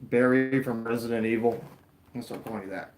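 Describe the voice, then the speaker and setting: A man's voice: medium pitch, fairly even intonation, fast talker, darkish tone, echoey room, slight background noise. A man in his late twenties, chatting casually and rambling to viewers while watching a wrestling show live, answering chat and poking fun at himself. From Florida. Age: 20s. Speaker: YouTuber streaming a wrestling watch-along.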